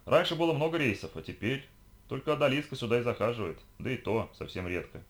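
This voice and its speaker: A man voicing a wary, gruff, biker-like bartender who answers evasively. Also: medium pitch, expressive, fast talker, close to an everyday voice.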